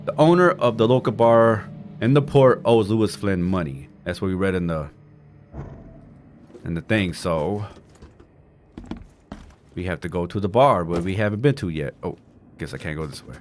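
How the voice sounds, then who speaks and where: A little hiss or hum underlies the recording as a gaming streamer with a low-sitting voice comments casually on his playthrough at a moderate pace, pausing often. He reads clues aloud and adds jokey, informal asides.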